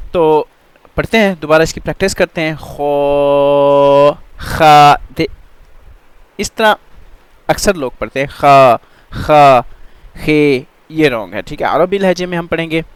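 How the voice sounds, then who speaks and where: A man teaching tajweed in an online Quran reading lesson, drawing out letter sounds slowly and often checking that students follow. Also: fairly high pitch, no echo. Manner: slow drawn-out letter drills with frequent check-ins.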